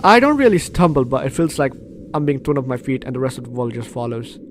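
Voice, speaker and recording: This man, also a gaming YouTuber, talks fast and very animatedly as he dramatically reads game text and drops in reactive asides. His voice is mid-range, with game music behind him and a little hiss or hum.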